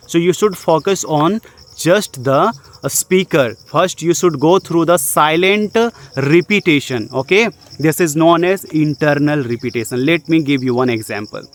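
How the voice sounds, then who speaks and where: A young male English teacher with an Indian accent, whose first language is Jharkhandi, gives a casual spoken lesson in a slightly high voice. He earnestly repeats his points and keeps checking in with "okay?" between filler sounds.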